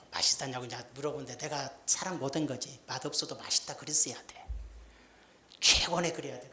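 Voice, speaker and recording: A man's voice: fairly high pitch, background noise. A middle-aged male pastor preaching a sermon in a folksy, joking way, acting out little everyday scenes. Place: church sanctuary. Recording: echoey church sound.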